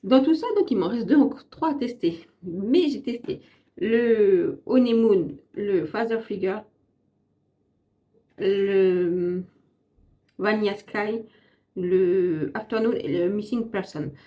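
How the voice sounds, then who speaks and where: A woman's voice: mid-range voice, slow, long pauses, dull audio. Chatty French woman reviewing makeup. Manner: chatty, rambling, self-correcting. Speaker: beauty vlogger. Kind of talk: casual makeup and perfume review.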